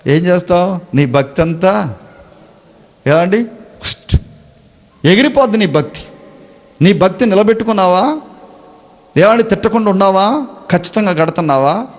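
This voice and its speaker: A man's voice: high voice, expressive, moderate pace, long pauses. A male pastor preaching a sermon, asking the congregation rhetorical questions and addressing them directly.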